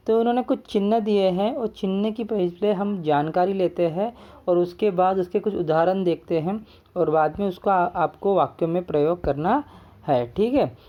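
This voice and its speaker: A man's voice: sits high, dark tone. A man teaching Hindi grammar as a patient teacher, explaining step by step and often checking in with his students. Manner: patient, repeats points with "ठीक है". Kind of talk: classroom grammar lesson.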